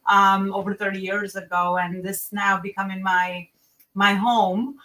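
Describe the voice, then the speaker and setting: A woman's voice: medium pitch, little pitch movement, unhurried, pushed and bright, far from the mic, low-quality recording. Woman in her 40s from albania, earnest guest chat, lots of uhs and restarts, sits a bit back from the mic. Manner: earnest, many fillers and restarts. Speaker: podcast guest, entrepreneur. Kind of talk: reflective conversational storytelling.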